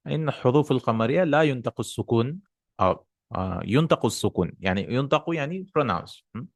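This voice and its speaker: A man's voice: mid-range voice, lively intonation, fast, dry recording, clean studio sound. A man teaching a beginners' Arabic lesson over a call, switching between Arabic and English and answering students with short hums of approval. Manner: patient, corrects with short hums and yes.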